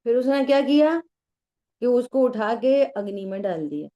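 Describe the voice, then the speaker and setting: A woman's voice: on the high side, lively intonation, normal speed, dark tone. A middle-aged woman giving a religious discourse on scripture, telling a story and asking her listeners rhetorical questions. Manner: acts out quoted voices. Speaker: scripture teacher.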